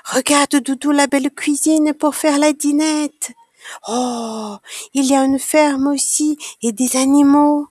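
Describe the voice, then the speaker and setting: A woman voicing a small, excited little girl starting preschool, in a high childlike voice. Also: a little slow, husky, dry recording, clean studio sound, full character voice. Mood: eager.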